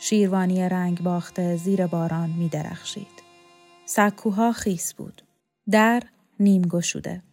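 Woman reading an audiobook, calm and measured, faint music behind. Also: lowish voice. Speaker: audiobook reader. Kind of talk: scripted narration.

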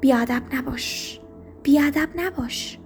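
A woman voicing a stern, pious, wealthy old widow who speaks in a preachy, drawn-out way, in a storybook reading. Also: sits high, darkish tone, soft background music.

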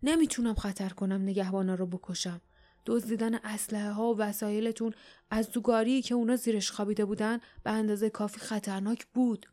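A woman reading the lines of a gruff, secretive rebel man who talks in a dry, curt way. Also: medium pitch, fairly even intonation, dark tone, close to an everyday voice.

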